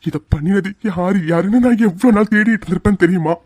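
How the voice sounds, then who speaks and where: A man voicing a hot-tempered, fiercely loving young hero in a cartoon, rough-spoken and quick to tears. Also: sits high, a little mellow, no echo, studio quality. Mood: raging. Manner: fiery, rough-spoken, breaks into sobs. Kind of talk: cartoon voice dubbing.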